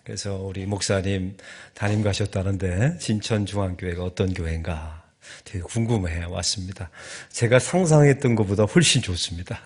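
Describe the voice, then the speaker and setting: Joking Chungcheong-accented preacher, low voice. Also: male voice, moderate pace, husky. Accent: Chungcheong Korean. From Chungcheong, Korea. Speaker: guest pastor. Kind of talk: sermon. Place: church sanctuary.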